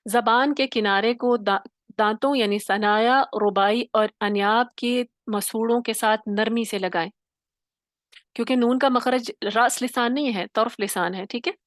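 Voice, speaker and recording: A fairly high-voiced woman teaches Quran recitation in an online class, explaining each point patiently and checking in often. Her voice sits close and dry on the mic, with no room sound. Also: fairly even intonation, measured pace, no room sound.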